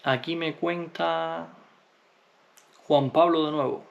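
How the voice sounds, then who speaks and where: A man from Cuba, answering viewer comments in a relaxed, unhurried vlog, often pausing with hesitations. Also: fairly high pitch, creaky, highs cut off, a little hiss or hum. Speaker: vlogger.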